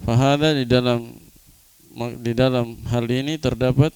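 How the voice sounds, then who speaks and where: A man's voice: medium pitch, fairly even intonation, a little slow, darkish tone, clear, resonant tone, dry recording. A man teaching Islamic studies in a classroom lecture, explaining terms and putting questions to his students that he then answers himself. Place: study room.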